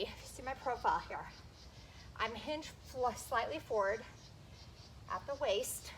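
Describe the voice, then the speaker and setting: Female aerobics instructor, slightly high voice, encouraging cues and countdowns while exercising; noisy outdoor backyard recording. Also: a bit bright. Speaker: fitness instructor.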